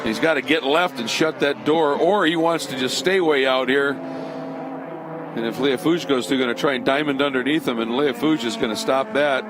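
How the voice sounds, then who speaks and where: A man's voice: medium pitch, moderate pace. A man doing live motorsport commentary in a colloquial, exclamatory way. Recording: clear engine noise behind voice.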